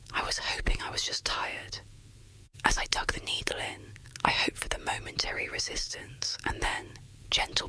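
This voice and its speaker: A person whispering a scary story as ASMR narration, in short, deliberate phrases with no voiced tone. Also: bright, forceful tone, low-quality recording. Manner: whispering throughout, unvoiced.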